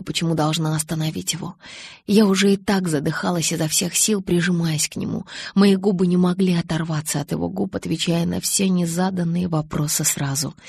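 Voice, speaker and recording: Husky, low-voiced woman narrating an audiobook. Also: darkish tone, no echo. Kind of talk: scripted first-person narration.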